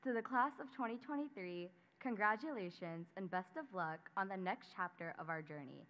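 A young woman, a student council member, giving a formal scripted ceremony speech at a podium microphone and announcing names in a measured way. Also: medium pitch, fairly bright tone. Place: graduation ceremony. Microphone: speaking at a podium microphone. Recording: dull lo-fi sound.

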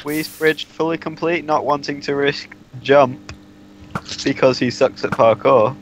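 A man's voice: mid-range voice, steady tone, a little slow, poor audio. A young man chatting casually while gaming, making teasing, dry remarks. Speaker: player.

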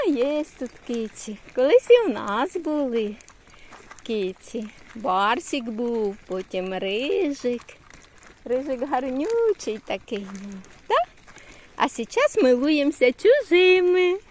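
A woman's voice: fairly high pitch, darkish tone, slight background noise. A retired woman in her sixties from Ukraine, chatting casually in a vlog and cooing baby talk to a toddler on an evening walk outdoors. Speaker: retired vlogger, great-grandmother.

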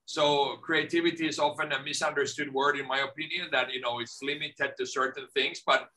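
This middle-aged Finn, a guest on a casual video call from his home office, speaks briskly and animatedly in a mid-range voice. He tends to repeat words when beginning a sentence, and the recording is rough.

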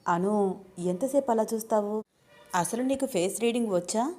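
A woman's voice: mid-range voice, moderate pace, warm tone, lightly acted. Abhiram, a woman reading as a teasing young man. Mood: flustered. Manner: playful, teasing questions. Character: young man, teasing, smitten office boss. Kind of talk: storybook reading.

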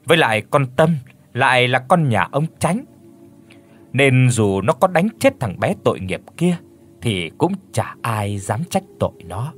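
A man narrating a ghost story in an expressive, dramatic storyteller style. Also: medium pitch, measured pace, faint music behind.

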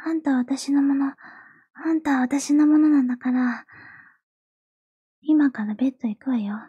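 A woman's voice: high voice, steady tone, a little slow, dark tone, dry recording, highs cut off. A woman playing a possessive young yandere girlfriend in an intimate audio role-play, with a sweet, eerily obsessive manner.

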